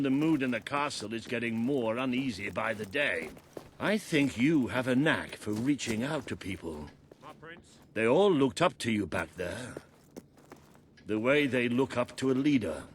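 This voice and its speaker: An actor playing a gruff, hearty old soldier and mentor in a video game, with a British accent and a booming, blunt delivery. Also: male voice, a little hiss or hum, lightly acted. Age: older. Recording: background music.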